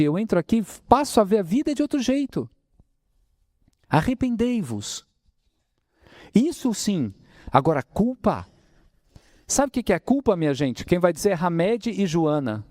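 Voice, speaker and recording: Brazilian male spiritist lecturer, animated pitch, dry close sound, preaching with rhetorical questions. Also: moderate pace, no room sound. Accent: Brazilian Portuguese, São Paulo interior. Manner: lively preaching, addresses audience as brothers, asks rhetorical questions. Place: spiritist center hall.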